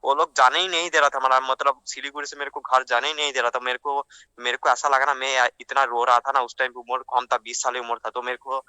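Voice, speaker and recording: Man, 20s, rambling storyteller; monotone but bright and crisp, dry close sound. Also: mid-range voice, fast, no room sound. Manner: rambling, repeats phrases while retelling. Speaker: interviewee recounting a scam. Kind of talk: casual storytelling.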